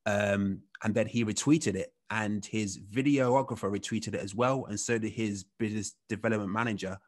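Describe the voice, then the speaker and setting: A man in his thirties, a guest on a podcast. He speaks in a fairly low voice and tells his story in a loose, rambling way, with many casual fillers. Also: normal speed. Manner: relaxed, rambling, heavy on "you know" fillers.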